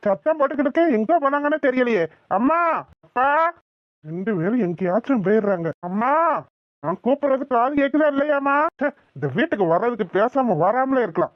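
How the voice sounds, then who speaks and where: A woman voicing a short-tempered young man in a cartoon, yelling and scolding everyone around him. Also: fairly high pitch, lively intonation, fairly quick, dry recording, natural voice. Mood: irritated. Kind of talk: cartoon voice acting. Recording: dull dry studio recording.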